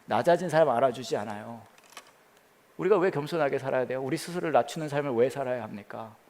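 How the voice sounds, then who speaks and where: A man preaching as a pastor, telling a story with quoted voices and dropping to a hush near the prayer. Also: mid-range voice, quick pace, in a large hall. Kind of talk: sermon. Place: church during the pandemic.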